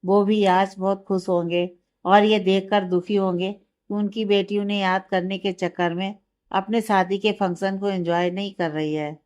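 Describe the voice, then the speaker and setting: A woman's voice: medium pitch, steady tone, normal speed, close to an everyday voice. A woman voicing a cheerful caring sister-in-law. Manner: warm, encouraging.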